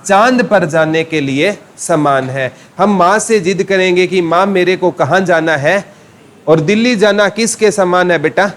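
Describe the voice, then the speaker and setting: A man's voice: high voice, a little slow, fairly bright tone. A man teaching a general knowledge class with a Haryanvi accent, asking questions and answering them himself. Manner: asks questions and answers them himself, calling listeners "beta". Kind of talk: classroom lecture with memory tricks.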